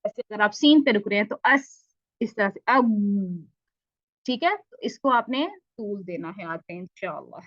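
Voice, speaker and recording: A woman's voice: mid-range voice, big pitch swings, normal speed, hardly any pauses, fairly bright tone, no room sound, lo-fi sound. A woman teaching Tajweed in an online lesson, patiently repeating points and asking checking questions.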